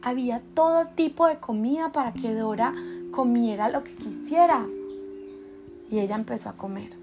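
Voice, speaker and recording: A mother improvising a bedtime story for her child in bed, narrating gently and without hurry. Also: fairly high pitch, moderate pace, background noise. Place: bedroom, in bed.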